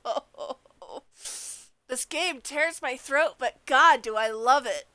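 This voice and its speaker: A woman's voice: sits high, unhurried, bright, forceful tone, no room sound, soft background music. A woman hosting a video game let's play, chatting casually. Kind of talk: casual gaming chat.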